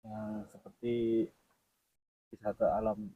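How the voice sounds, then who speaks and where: A male guest giving quiet, brief replies from away from the microphone. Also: lowish voice, little pitch movement, slow pace, breathy edge, narrow, tinny audio.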